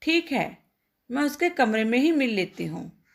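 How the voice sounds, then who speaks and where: A woman's voice: fairly high pitch, sing-song, a little slow, creaky, voice pushed up, exaggerated voice. A woman voicing a pushy, teasing middle-aged neighbor aunt in a read-aloud family story, scolding and making puns. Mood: insistent.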